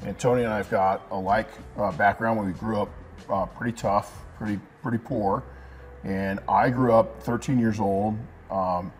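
A man's voice: sits low, slight background noise. A middle-aged man, a guest in a casual interview, telling his own story candidly and emphatically on a lapel mic in a shop. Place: detailing supply shop, indoors.

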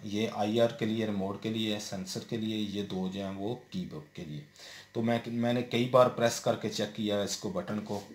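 A man's voice: fairly low pitch, darkish tone. A man talking through a hands-on TV repair step by step, with frequent fillers and check-ins. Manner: explains step by step, many fillers and repeated "theek hai". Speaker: TV repair technician. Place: indoor room at a workbench. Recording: roomy echo with faint noise.

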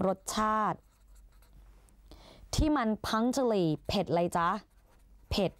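A woman's voice: fairly high pitch, animated, slow pace, dry recording. Woman tutor, chatty and playful, big-sister tone, dry close sound. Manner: chatty and playful, calls herself big sister, coaxes students. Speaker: English tutor. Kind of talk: Thai exam-prep lesson.

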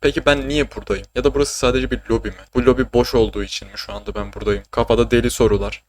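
A young Turkish gaming streamer chats casually while playing, joking, swearing and laughing often. He talks very fast at a medium pitch with fairly even intonation.

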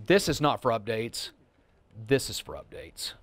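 With a sing-song lilt and an unhurried pace, a middle-aged man at medium pitch leads a seminar, explaining a product plainly and informally with casual asides. He sits at a demo table in a studio room among a small group, miked closely with a wireless mic, for an informal technical demonstration.

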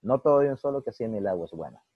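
A man teaches English in a lively bilingual lesson and drills example words slowly. His voice sits low and husky. The sound is dry and a little muffled. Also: dry recording.

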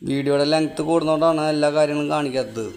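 A man's voice: on the high side, rapid-fire, darkish tone. A man, an electrician hosting an on-site how-to video, explaining the job in a plain, matter-of-fact way outdoors at a house build site. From Kerala, India. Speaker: electrician and channel host.

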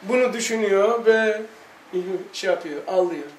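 A male religious teacher giving a lively storytelling lesson, acting out the dialogue himself. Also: high voice, moderate pace. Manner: animated, acts out dialogue in quotes. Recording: echoey room from far off.

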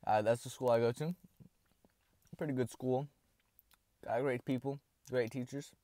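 A teenage boy rambling offhand through a casual snack review in his parked car, often dropping into low, soft asides. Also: steady tone, measured pace, no room sound.

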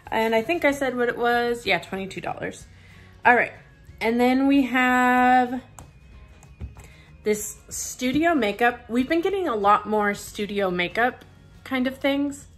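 This beauty vlogger, a young woman with a higher-pitched voice, talks a little slowly over soft background music. She chats casually while unboxing a subscription box and testing the makeup, thinking out loud with lots of fillers.

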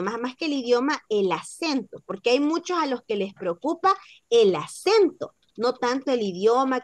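A woman with a medium-pitched voice teaches a French class online, speaking slowly and repeating each word to model how it is pronounced.

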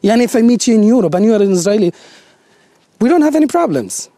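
A man in his forties with a Palestinian Arabic accent, a native Arabic speaker, talking earnestly in halting English on an open hilltop, gesturing as he goes, full of "like" and "you know". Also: high-pitched, dry recording. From Palestinian territories. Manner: animated, gesturing, halting English with many fillers. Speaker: interviewee. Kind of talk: earnest outdoor interview. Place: hilltop outdoors above a city.

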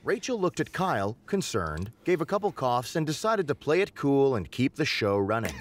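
A man's voice: mid-range voice, big pitch swings, normal speed, slight background noise. A man reading out a text game's story in a dramatic storytelling manner, chuckling at times. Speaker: story reader.

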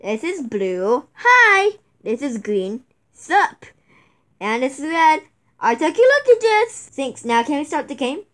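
Woman, very high pitch, unhurried, theatrical, exclamatory, improvised plush-toy character voices. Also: sing-song, a bit bright. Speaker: puppeteer voicing plush toys. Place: indoors at a table, handling toys.

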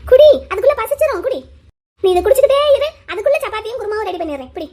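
A woman's voice: extremely high pitch, expressive, racing, a little mellow. A woman voicing a caring older sister-in-law in a cartoon story, who keeps coaxing and insisting. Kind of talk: Tamil cartoon voice acting.

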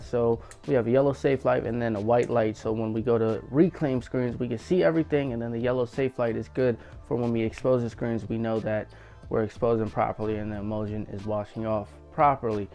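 A man's voice: mid-range voice, brisk, soft background music. Young man touring his basement print shop. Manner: relaxed, explanatory, leans on fillers like "game changer". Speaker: small business owner giving a shop tour. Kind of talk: casual walkthrough vlog. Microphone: lapel mic.

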